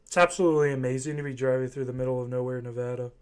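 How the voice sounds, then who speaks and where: A man's voice: medium pitch, steady tone, rapid-fire, clean tone. A young man from Ohio in casual chat, rambling and hesitant, full of fillers. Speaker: voice chat participant.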